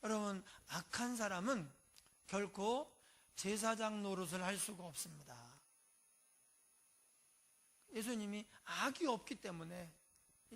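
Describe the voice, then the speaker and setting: A pastor preaching a sermon in a conversational way, often dropping in short affirmations and shifting between loud and quiet. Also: medium pitch.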